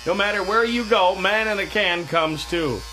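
A man delivering a parody infomercial with hyped salesman patter and deadpan innuendo. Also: sits high, moderate pace, slight background noise, poor audio. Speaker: spoof commercial announcer.

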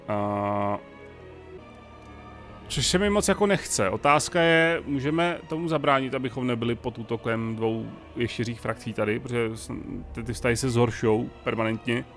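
A man's voice: mid-range voice, expressive, faint music behind. A Czech man casually commenting on a strategy game, thinking aloud and talking to the characters on screen. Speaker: gaming let's-player.

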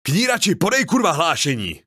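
A man's voice: fairly high pitch, animated, sharp tone, no room sound, clean studio sound, pitched above the performer's own voice. A man voicing a hot-tempered army captain who bellows and curses in an audiobook. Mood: furious. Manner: bellowing, cursing.

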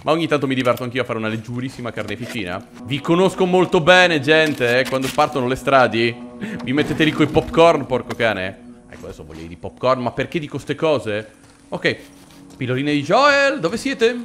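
A man's voice: mid-range voice, animated, moderate pace, a bit bright, slight background noise. A man giving casual, jokey let's-play commentary, talking to his viewers and to the game characters. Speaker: gaming channel host.

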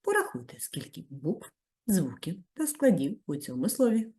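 Low-voiced woman teacher, swoops way up and down, encouraging kids step by step in a video lesson. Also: measured pace. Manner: warm encouraging teacher, praising and giving step-by-step tasks; very lively pitch, rising high on praise. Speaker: primary school teacher.

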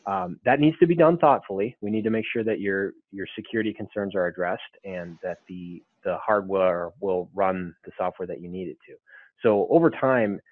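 A man with a low voice answers webinar questions in an explanatory way, often restarting his sentences. The sound is thin and phone-like. It is dry, with no room around it. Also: moderate pace, dry recording. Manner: explanatory, frequent ums and restarts. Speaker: webinar panelist.

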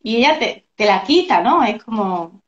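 A woman speaks as a guest in a relaxed interview, thoughtful and agreeable. Her voice is a little high and comes through echoey and muffled, like a video call. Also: moderate pace. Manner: agreeable, reflective, frequent tag questions. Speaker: guest, family coach. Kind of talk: casual chat interview.

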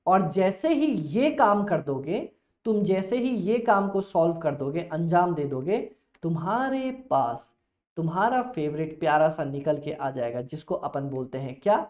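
Man, teacher, playful lecture, self-answering banter, very animated pitch, echoey. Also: a little slow. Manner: playful, answers his own questions in a student's voice. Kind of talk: energetic classroom lecture.

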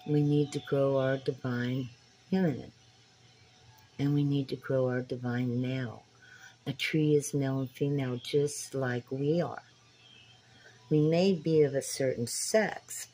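Older woman, 60s, low-voiced and unhurried, earnest direct-to-camera vlogger on a phone mic, faint background hiss. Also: steady tone, dark tone, low-quality recording. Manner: earnest, preacher-like, addresses viewers directly. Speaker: spiritual tarot vlogger. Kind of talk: casual talk to camera. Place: small dim room indoors. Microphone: phone camera at arm's length.

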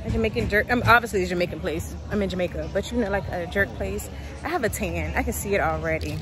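A woman's voice: mid-range voice, quick pace, music in the background. A young woman chatting casually to her camera in a resort hotel room, giggly and talking to her viewers as y'all. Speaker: vlogger. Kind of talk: casual travel vlog to camera. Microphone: handheld camera at arm's length.

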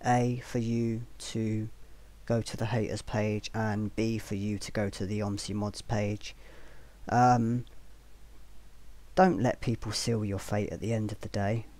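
A man's voice: fairly low pitch, level tone, a little slow, darkish tone. Rambling man giving casual commentary. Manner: rambling, with many fillers and restarts; earnest, advice-giving, at times sarcastic. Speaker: video commentator. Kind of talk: casual spoken commentary to viewers.

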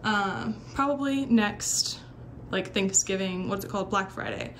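With slight background noise behind her, a woman speaks at a medium pitch, a little slowly, in a fairly bright tone. Filming her own house on a handheld phone stick, this lifestyle vlogger keeps the chat casual and rambling, teases herself, and lets thoughts trail off before restarting.

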